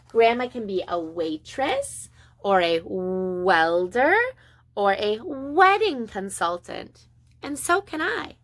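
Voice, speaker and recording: A female preschool teacher reads a picture book to young children, expressive and sing-song with deliberate pauses. Her voice is a little high.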